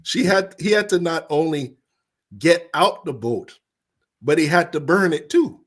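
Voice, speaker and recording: Animated male co-host, husky, lively pitch. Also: measured pace. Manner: animated, interjecting. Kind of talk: casual conversational talk.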